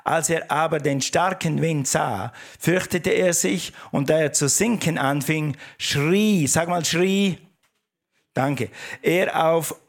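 Preaching man, gravelly and emphatic. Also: a little high. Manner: emphatic, repeats phrases, calls for congregation response. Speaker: pastor. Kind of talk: sermon.

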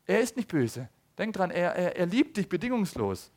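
A man in his thirties preaching a sermon, swinging between loud appeals and soft low asides, often asking the audience questions. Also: very animated, normal speed. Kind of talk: sermon to a congregation.

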